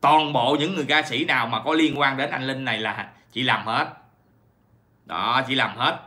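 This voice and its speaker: In a casual monologue for his viewers, a YouTube commentator rambles along, full of fillers, self-corrections and rhetorical questions. His mid-range voice comes across pushed and bright at a normal speed.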